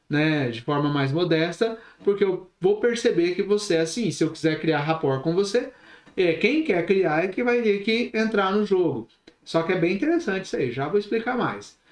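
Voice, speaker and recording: Brazilian male instructor, higher voice, animated, talks with his hands; roomy echo. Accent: Brazilian Portuguese. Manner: expressive, gestures while talking. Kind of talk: recorded online class.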